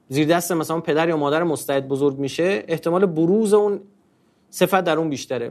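A man with a fairly high voice gives a religious talk in an easy, conversational way. He keeps the listeners engaged with rhetorical questions that he answers himself. His speech stays informal and uses polite fillers. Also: a little mellow.

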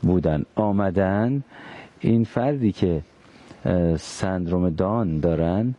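A man with a low, very dark and mellow voice hosts an interview in a dry studio. He presses his guest with precise, clarifying questions and wants every detail pinned down. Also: no echo, muffled recording. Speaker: interviewer host.

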